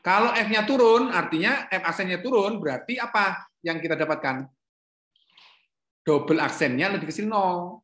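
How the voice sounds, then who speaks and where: Lecturing on calculus over the internet, this middle-aged man speaks at a normal pace in a high-pitched, fairly bright voice. He asks questions, fixes his own slips, and says "ya" again and again. He's working from a home room, not an office, and the space sounds echoey.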